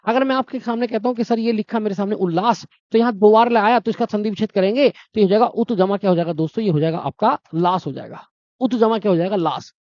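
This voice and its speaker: A man's voice: high-pitched, fast talker, darkish tone, dry recording, muffled recording. A male teacher explaining a grammar lesson, repeating key points and quizzing his listeners.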